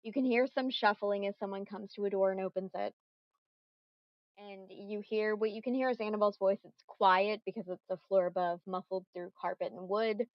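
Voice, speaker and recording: A young adult woman running a tabletop role-playing game as game master, narrating scenes in a casual, animated way with quick asides. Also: mid-range voice, dry recording, dull audio.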